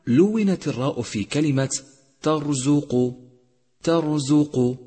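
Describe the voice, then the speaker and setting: A man teaching a tajweed lesson on Quran recitation, who draws out and chants the example words slowly. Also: mid-range voice, husky. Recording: long hall reverb.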